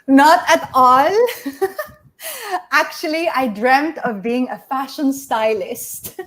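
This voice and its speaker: Woman guest from Australia, fairly high voice, chatty and laughing, heard over a video call. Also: slow, fairly bright tone, slight background noise. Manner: chatty, laughs often, many "like" fillers. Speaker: guest conservationist. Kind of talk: casual chat.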